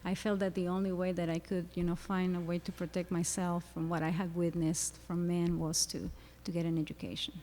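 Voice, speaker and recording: A woman's voice: lowish voice, level tone, warm tone, slight background noise. Peruvian-accented woman in a reverberant hall. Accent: Peruvian Spanish. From Peru. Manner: earnest, halting, with many fillers. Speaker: psychologist panelist. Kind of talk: panel discussion talk. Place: university lecture hall.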